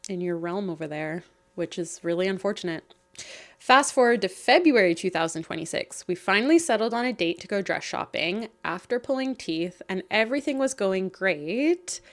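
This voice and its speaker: A woman casually reading stories aloud and breaking in with chatty, animated asides to the viewer. She sounds slightly croaky. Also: medium pitch. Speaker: host reading and reacting to online stories.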